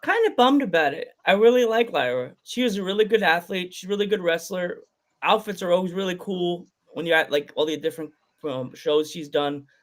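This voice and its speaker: A man's voice: sits high, brisk, a bit bright. A man co-hosting a casual wrestling podcast, chatting playfully and joking around. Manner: playful, jokes in put-on voices. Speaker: podcast co-host.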